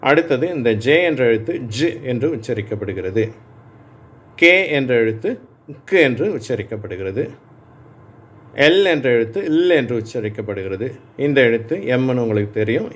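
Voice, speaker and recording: A man teaching adults to read English, going letter by letter and sound by sound and asking them to repeat after him. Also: medium pitch. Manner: patient, spells out sounds letter by letter and asks learners to repeat. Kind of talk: slow phonics lesson for adult learners.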